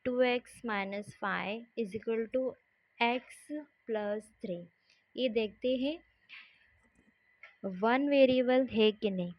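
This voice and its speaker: Woman maths teacher, patient and step by step, slightly high voice, dull lo-fi audio. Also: takes it slowly, pauses often. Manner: patient, repeats "ठीक है" to check along. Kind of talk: explaining a lesson at a board. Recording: dull lo-fi sound.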